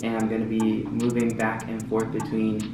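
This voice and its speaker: A young man in his twenties chats openly through a casual vlog Q&A, loose and full of fillers. His voice sits a little low and sounds set back from the mic in a roomy, echoing space. Guitar music plays clearly behind him. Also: monotone, normal speed, muffled recording. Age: 20s. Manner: chatty and open, loose filler-heavy talk. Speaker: vlogger. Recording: roomy echo from a distance, with music.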